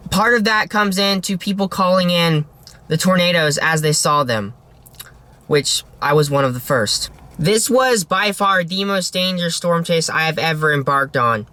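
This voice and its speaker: A man's voice: a little high, animated, moderate pace, sharp tone. A man narrating a storm-chasing vlog in an earnest, solemn manner, in the style of a scripted voice-over. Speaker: storm chaser, video host.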